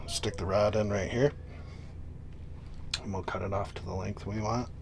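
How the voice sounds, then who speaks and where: A man with a lowish voice narrates hands-on work in an offhand, think-aloud way. He is inside a small trailer, and a noticeable mechanical hum sits behind his words. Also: steady tone, moderate pace, creaky. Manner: informal, thinking aloud while working. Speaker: DIY vlogger. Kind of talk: casual hands-on DIY narration. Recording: noisy, vehicle-like hum behind voice.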